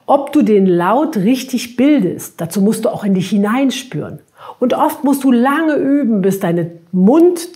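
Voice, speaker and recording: A woman speech trainer giving an instructional lesson, speaking clearly and deliberately, slowing down to demonstrate sounds and addressing the viewer directly. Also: fairly high pitch, dark tone.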